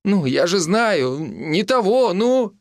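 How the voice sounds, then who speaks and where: A man's voice: high-pitched, big pitch swings, slow, fairly bright tone, no echo, clean studio sound, voice pushed up, exaggerated voice. A man voicing a flustered young village man who whines and pleads. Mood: protesting. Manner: whiny, pleading, bleating.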